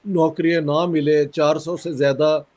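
A man from Pakistan, a guest in an interview, speaking in a measured, critical way with pauses and a sore throat. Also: on the high side, flat delivery, a little mellow. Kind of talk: conversational interview.

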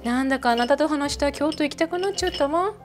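In a one-sided role-play, a woman plays a chatty snack-bar hostess, gushing in a feminine way to a customer who is never heard. Her high voice, fairly close to everyday speech, moves fast over soft background music.

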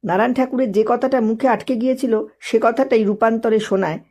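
A woman narrating a literary story in a lyrical, measured reading. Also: a little high, steady tone, warm tone.

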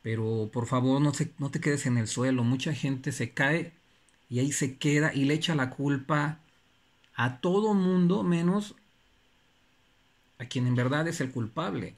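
A man giving an earnest, preachy motivational talk. He repeats phrases for emphasis and pauses between them. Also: medium pitch. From Mexico. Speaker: motivational speaker.

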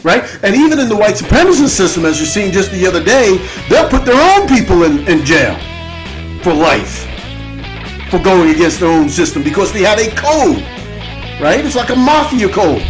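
Faint music plays behind a man hosting an internet radio show as he speaks at a normal speed with big pitch swings. His unscripted political monologue is repetitive, peppered with rhetorical questions and "right?" tags.

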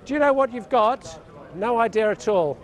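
A man's voice: very high-pitched, lively intonation, moderate pace. A man with a British accent, a political reporter chatting off the cuff live in the street. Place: outdoors on a city street.

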